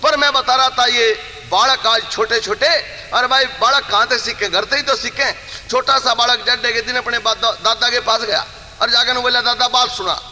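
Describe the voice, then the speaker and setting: A man with an extremely high pitch tells a Haryanvi kissa at a moderate pace, preaching as he goes, acting out voices and bursting into sung refrains with animation. The low-quality recording sounds like a big room, with a little hiss or hum.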